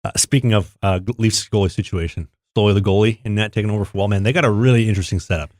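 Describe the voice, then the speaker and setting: A man's voice: lowish voice, very fast, a little mellow, dry recording, clean studio sound. A man co-hosting a podcast, chatting casually about hockey and rattling off player stats. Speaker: podcast co-host.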